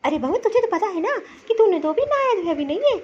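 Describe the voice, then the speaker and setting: A woman's voice: very high-pitched, sing-song, quick pace. A woman voicing a lazy, dismissive older mother-in-law in a cartoon story, scolding and brushing off requests. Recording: slightly dull lo-fi recording.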